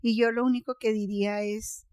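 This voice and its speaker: A woman's voice: on the high side, level tone, moderate pace, a little mellow, clean tone, no echo, clean studio sound. An older woman, a podcast guest, speaking in firm, encouraging, short statements about faith. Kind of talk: casual faith conversation.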